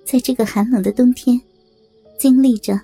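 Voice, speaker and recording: Woman reading an audio novel, high mellow voice, dry close mic, soft music. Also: moderate pace, vocal fry, breathy edge. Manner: steady storytelling. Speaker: narrator. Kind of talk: audiobook narration.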